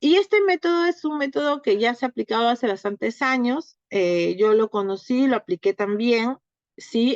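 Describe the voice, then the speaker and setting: A woman teaching a class, explaining step by step and ending phrases with quick check-ins like "right?" and "okay?". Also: fairly high pitch, gravelly, dry recording. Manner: walks through classroom materials step by step. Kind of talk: online class lecture. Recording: dull, lo-fi, dry.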